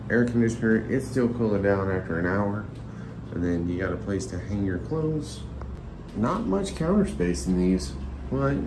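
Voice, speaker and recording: A man's voice: sits low, noisy background. A man giving casual, rambling travel vlog narration with wry, self-deprecating asides. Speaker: travel vlogger.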